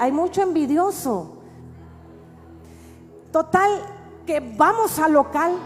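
Speaking in a high voice with a Mexican accent, a middle-aged female pastor and prophet tells her testimony in a sermon, her lively storytelling occasionally swelling into shouts. Faint music plays in the echoing hall.

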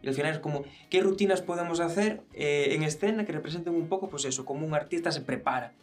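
A man, a stage performer guest, telling relaxed backstage anecdotes in a casual chat. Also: fairly high pitch, fast talker, soft background music.

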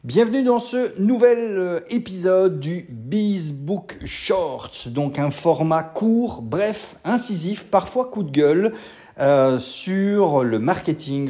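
A man hosts his business podcast solo, in a relaxed, casual way. He often stops to restart his sentences and fills the gaps with hesitations. His voice sits a little high yet sounds warm and mellow. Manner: casual, many fillers and restarts. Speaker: podcast host.

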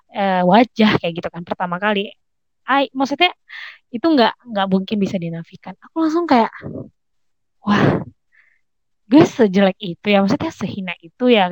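A young woman, a podcast guest, telling a personal story in a chatty, expressive, slangy way, full of fillers. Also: mid-range voice, no echo, highs cut off. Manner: slangy informal speech.

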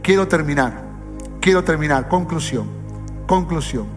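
A man's voice: fairly high pitch, animated, measured pace. A male pastor preaching a sermon with impassioned, repetitive phrasing. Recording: echoey hall with faint music.

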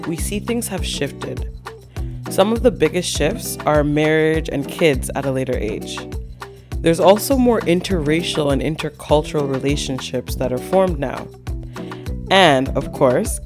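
A woman host reading a measured, scripted podcast intro, stretching key words. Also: sits low. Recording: narration over clear background music. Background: music.

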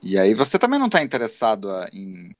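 A man in his thirties with a Brazilian Portuguese accent co-hosts a casual podcast chat, sounding reflective and self-critical and often restarting his sentences. His voice sits on the low side, his pitch swoops wildly, and he talks fast. The recording is studio quality with no echo.

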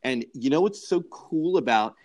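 A man's voice: on the high side, animated, moderate pace, a little mellow. A man co-hosting a casual film discussion, rambling with lots of restarts and repeated words. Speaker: podcast co-host.

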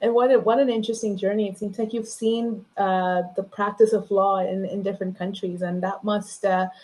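A woman's voice: medium pitch, level tone, normal speed, a little mellow, low-quality recording. A woman hosting a podcast interview, talking in a chatty way full of "like" and "you know". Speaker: podcast host. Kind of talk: casual interview chat.

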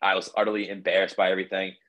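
A young man with a low, easy voice recounts his story as a podcast guest. He rambles casually, restarting sentences and leaning on "like" as he goes. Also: flat delivery, racing, a bit bright, poor audio. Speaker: podcast guest, baseball pitcher.

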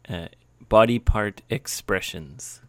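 A man co-hosting a podcast, explaining English usage in a casual chat with dry, deadpan humor. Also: on the low side, extremely slow, no echo. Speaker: podcast co-host, English teacher.

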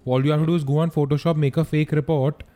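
A man's voice: a little high, steady tone, fast, mellow. A young man with an Indian accent chatting casually, using slang and often repeating phrases for emphasis. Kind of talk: casual chat.

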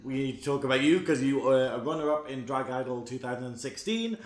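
A man's voice: mid-range voice, animated, fairly quick. Jokey male host in an echoey room. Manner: jokey, informal, chatty. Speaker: podcast host. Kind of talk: casual banter and interviewing.

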